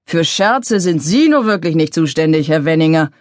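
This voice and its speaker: A woman's voice: low voice, animated, normal speed, darkish tone, no echo, studio quality. A woman doing a venomous catty office colleague. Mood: snide. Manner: snide, venomous. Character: sharp-tongued, astrology-obsessed female office colleague.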